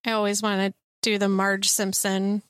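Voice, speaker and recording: A woman co-hosting a casual podcast, chatty and quick to laugh, who says she is never done ranting. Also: medium pitch, monotone, a bit bright, no room sound, clean studio sound. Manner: chatty, laughs easily, tends to rant. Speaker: podcast co-host.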